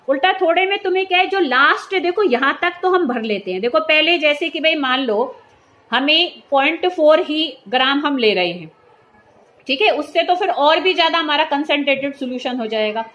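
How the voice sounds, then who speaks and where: In a school chemistry lab, a woman teacher with a high, fairly bright voice patiently explains a procedure step by step as a hands-on demonstration. She keeps checking that her students are following, and the room adds a clear, roomy echo.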